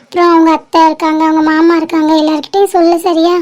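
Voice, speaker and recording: A young woman with a very high voice speaks in a level, narrow tone. She plays family members in a tender, emotional homemade audio drama. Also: flat delivery, fast talker, a little mellow. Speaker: creator voicing family characters.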